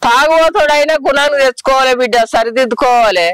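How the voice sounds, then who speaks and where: A woman playing an older village mother who consoles her married daughter with slow, repetitive reassurance, in a Telangana Telugu accent. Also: high voice, fairly bright tone, low-quality recording. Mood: soothing. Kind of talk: village short film drama.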